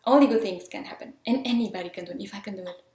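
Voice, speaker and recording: Rapid-fire and dark-toned, this medium-pitched woman's voice rushes through casual filmmaking advice with eager, chatty earnestness. She's an independent filmmaker from Mexico with a Mexican accent shaded by French, and the sound carries a roomy echo.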